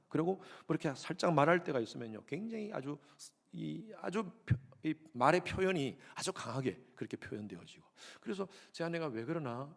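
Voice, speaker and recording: A middle-aged male pastor delivering a Sunday sermon in a church, his voice a little high with a gravelly edge. He drives points home by repeating phrases and putting questions to the congregation. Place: church sanctuary.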